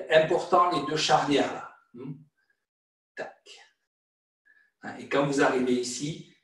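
A man with a French accent teaching an online qigong class, guiding calmly with frequent "hein" and "voilà". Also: medium pitch. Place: room at home or studio, teaching over video call. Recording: echoey room, voice from far off the mic.

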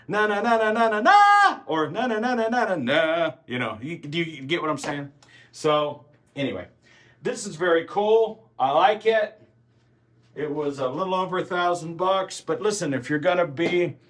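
Man, 40s, band singer, voice a touch high, chatty and rambling with casual swearing. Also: a bit bright. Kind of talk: casual vlog chat.

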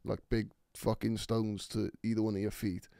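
A man's voice: fairly low pitch, flat delivery, normal speed, vocal fry, mellow, smooth, no echo, studio quality. A young man co-hosting a casual podcast, telling blunt, sweary stories. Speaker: podcast co-host. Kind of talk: casual chat.

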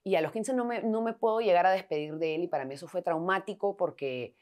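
A young woman from Peru with a low, darkish voice talks quickly in a Peruvian Spanish accent. As a guest in a casual interview at home, she tells personal stories in a candid, storytelling manner.

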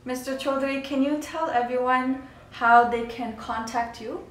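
Young woman host, polite questions, slightly high voice, faint background hum. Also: fairly even intonation, moderate pace, roomy sound. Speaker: interviewer and channel host. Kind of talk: interview questions and outro. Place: living room, then a dining room.

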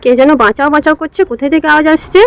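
A woman's voice: sits high, fairly even intonation, rapid-fire. A woman chatting casually with a small child, using simple repeated questions and coaxing instructions. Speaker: family carer filming a young child.

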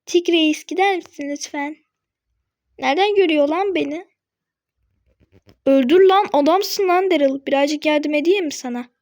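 This is a woman narrating her own gameplay in a casual, chatty way. Her voice sits high. She gets excitable fast, barking at teammates and breaking into sudden high shrieks. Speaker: gaming channel host.

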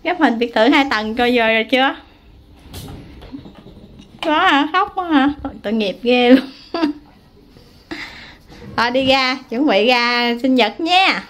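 A woman's voice: high voice, lively intonation, unhurried, pauses often, fairly bright tone. A woman, a mother chatting casually while filming her family, teasing and coaxing her child. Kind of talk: casual family vlog chat.

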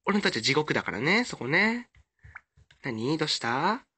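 A man commentating on a dating game in an excitable, gushing, hyper way. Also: on the high side, normal speed, husky. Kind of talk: let's-play commentary.

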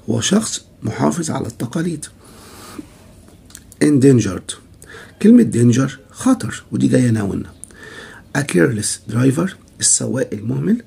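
Gravelly Egyptian male English teacher. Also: mid-range voice, dark tone. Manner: explains word pairs, repeats terms, asks and answers his own questions. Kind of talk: vocabulary lesson, mixing Egyptian Arabic and English.

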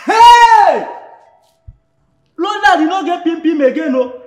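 An actor with a Nigerian Pidgin accent playing an excitable young male student who shouts exclamations. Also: extremely high pitch, normal speed. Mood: alarmed.

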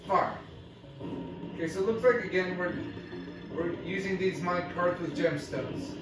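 A man's voice: sits high, a little slow, very noisy. A man giving casual play-by-play commentary on a game, calling out each jump and move in short bursts. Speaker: gameplay commentator. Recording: echoey room, far from mic, game music.

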